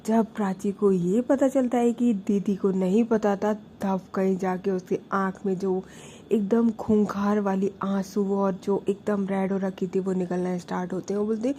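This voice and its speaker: A woman's voice: medium pitch, fairly even intonation, unhurried, mellow, a little hiss or hum. A woman casually narrating a story in a chatty, conversational way. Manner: chatty, mixes in English words.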